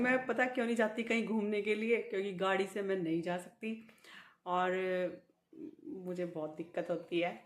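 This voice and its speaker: Laughing woman vlogger in an echoey room. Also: medium pitch. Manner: laughs often while talking. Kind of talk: casual chat to camera.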